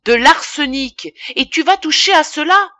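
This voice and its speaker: A woman's voice: mid-range voice, expressive, measured pace, sharp tone, dry recording. A woman voicing a pompous, irascible middle-aged male apothecary in an indignant tirade, read for an audiobook. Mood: furious.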